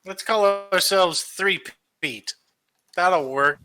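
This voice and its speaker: Tabletop villain, played by a man: childlike, excitable sewer dweller, high-pitched, very sharp and forceful. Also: slow, full character voice. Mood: eager, gleeful. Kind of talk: tabletop role-play banter.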